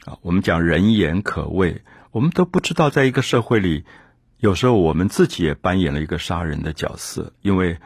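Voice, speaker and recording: A man's voice: low-pitched, breathy edge, no echo, studio quality. A man lecturing on a classic novel in an earnest, musing way, stressing key words as he explains. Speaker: literature lecturer. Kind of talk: reflective literary lecture.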